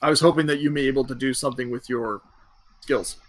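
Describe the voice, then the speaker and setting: Brief: man reading an anxious, deferential young soldier in a tabletop game, stammering apologies, mid-pitched, dry close sound. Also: fairly even intonation, fast talker, no echo, lightly acted. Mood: nervous. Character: nervous deferential male legion soldier.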